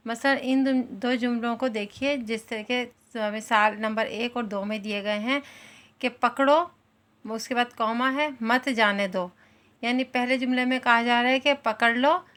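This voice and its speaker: Pakistani woman teaching, soft higher voice. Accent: Pakistani Urdu. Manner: patient explanatory delivery with frequent hesitations. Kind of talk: classroom lesson explanation.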